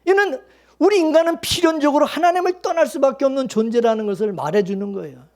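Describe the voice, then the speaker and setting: High-voiced, blunt preaching man. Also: fast talker, a little mellow. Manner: emphatic, blunt and colloquial, full of rhetorical questions to the congregation. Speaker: pastor. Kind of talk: Sunday morning sermon.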